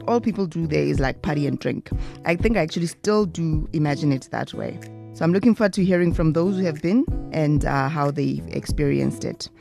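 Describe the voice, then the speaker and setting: A woman's voice: on the low side, vocal fry, darkish tone. A young adult woman with a South African accent, hosting a casual travel podcast in a chatty, enthusiastic way. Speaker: podcast host.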